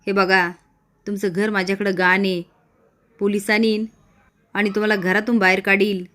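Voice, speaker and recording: A woman's voice: medium pitch, little pitch movement, moderate pace, a bit bright, lightly acted. Brief: angry, threatening village moneylender man, read by a woman narrator.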